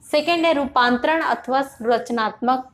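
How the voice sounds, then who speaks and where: A woman teaching an online grammar lesson, explaining patiently, repeating words slowly to stress their spelling, often checking in with "theek hai". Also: sits high, slight background noise. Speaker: Hindi teacher. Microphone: computer or phone mic, online class.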